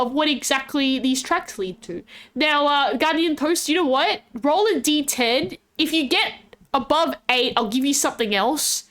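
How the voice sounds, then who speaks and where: High voiced girly anime streamer woman, cute n giggly, casually running a role-play game for chat. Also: a bit bright. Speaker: livestream host and game master.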